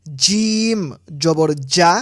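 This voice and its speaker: A woman teaching Quran reading in a slightly low voice, pausing between each letter sound. She speaks very slowly and carefully, as if to young learners. The recording is dry and close, with no room sound. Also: dry recording. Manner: slow, deliberate, drawn-out syllables. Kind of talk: slow instructional recitation lesson.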